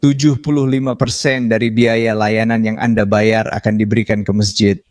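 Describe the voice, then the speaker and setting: A man's voice: fairly low pitch, level tone, moderate pace, darkish tone, dry recording, studio quality. A man talking casually in a chatty, boastful way.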